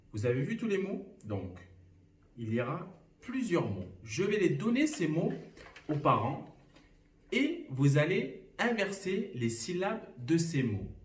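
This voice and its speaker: A male teacher giving a lesson from home to young children, speaking slowly and clearly and sounding out syllables. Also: mid-range voice. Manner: slow and clearly articulated, clapping out syllables. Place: a room at home. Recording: roomy echo, somewhat far from the mic.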